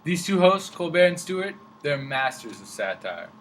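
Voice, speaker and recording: A man's voice: fairly high pitch, big pitch swings, moderate pace, a bit bright. A man presenting as a parody news anchor, reading a formal scripted commentary. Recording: faint background noise.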